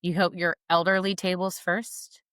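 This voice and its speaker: A woman's voice: lowish voice, flat delivery, normal speed, a bit bright, smooth, no room sound, studio quality. A woman co-hosting a podcast, giving enthusiastic, practical wedding-planning advice in casual chat.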